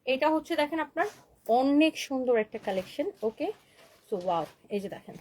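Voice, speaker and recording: An online boutique owner with a high voice sells dresses on a live stream, reading out viewer comments. She's expressive, brisk, and a little mellow, chatting away in Bengali with English words mixed in and asking "okay?" again and again. The audio quality is poor.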